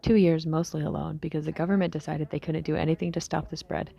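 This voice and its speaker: A woman playing a weary young survivor recording an apocalypse audio diary, speaking in a low-key, halting way with breathy tail-offs. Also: little pitch movement, dark tone, highs cut off. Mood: somber, nostalgic. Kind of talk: scripted audio diary monologue, fiction drama.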